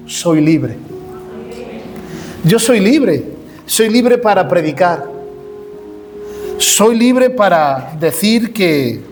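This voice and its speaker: Male pastor, high tenor, impassioned testimony sermon, soft music under it. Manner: fervent, dramatic, addresses congregation directly. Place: church.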